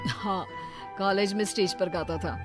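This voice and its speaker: A woman voicing an earnest young man in a cartoon, speaking softly and mildly. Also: mid-range voice, fairly even intonation, moderate pace, music in the background, lightly acted. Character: young man Abhi, earnest son and suitor. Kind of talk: cartoon voice acting.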